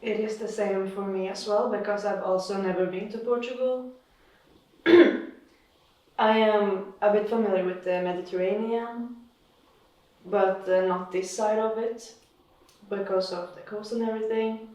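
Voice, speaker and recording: A woman talks in a relaxed, plain way at a middle pitch. Her voice comes from a distance, and a heavy room echo surrounds it. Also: measured pace, pauses often. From Norway. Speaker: visiting artist. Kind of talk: casual conversation. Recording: echoey room, distant mic.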